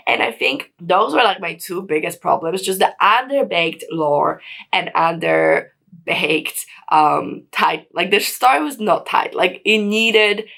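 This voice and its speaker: A hoarse woman giving a casual review of a TV show, rambling and pleading with frequent restarts, a little short of breath. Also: lowish voice, fairly bright tone. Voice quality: gravelly, creaky. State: hoarse, croaky voice.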